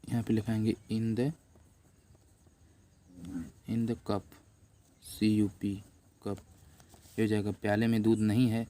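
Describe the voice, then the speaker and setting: A middle-aged man teaching English translation, spelling words out letter by letter and repeating them slowly as viewers copy along. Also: on the low side, completely flat delivery, mellow. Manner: addresses viewers as friends, patient. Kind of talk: classroom-style lesson, slow dictation. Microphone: camera on a notebook while writing.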